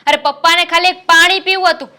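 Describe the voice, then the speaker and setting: Young wife, very high bright voice, quick heated complaining. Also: female voice, steady tone. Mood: angry, fed up. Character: young wife fed up with her mother-in-law. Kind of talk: Gujarati short film acting.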